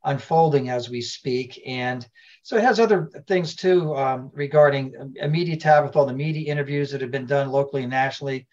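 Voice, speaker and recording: A man's voice: mid-range voice, fairly quick, a little mellow, muffled recording. A man who is a veteran, giving plain, informational answers as a podcast guest. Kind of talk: podcast interview.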